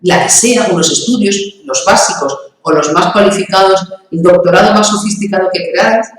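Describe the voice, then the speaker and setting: A woman's voice: on the low side, recorded from a distance. Emphatic Andalusian woman, echoey room. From Andalusia, Spain. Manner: emphatic, didactic, uses examples and rhetorical questions. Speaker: guest, communication and public speaking trainer. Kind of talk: explanatory interview talk.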